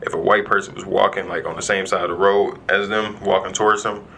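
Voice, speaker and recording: Male podcast co-host, gravelly and sharp-toned, low pitch, rambling delivery. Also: level tone, fast talker, a little hiss or hum, rough recording. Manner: rambling storyteller, heavy "like" fillers. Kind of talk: casual chat.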